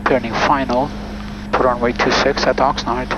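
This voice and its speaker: Here a man pilots a small plane alone as a student, talking through each step and making radio calls. His voice is mid-range with little pitch movement at normal speed, and the dull cockpit recording clearly picks up the engine.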